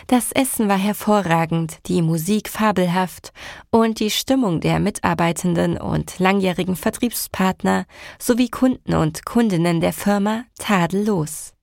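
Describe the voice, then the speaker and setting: Woman narrator, gravelly voice, dry close sound, first-person audiobook. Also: lowish voice, unhurried, no room sound. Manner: even, storytelling.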